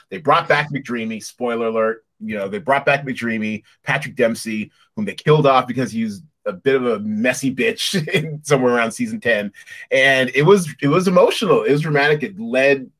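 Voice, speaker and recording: A man with an American accent hosting a casual review chat, talking in an animated way with conversational asides. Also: mid-range voice. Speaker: show host.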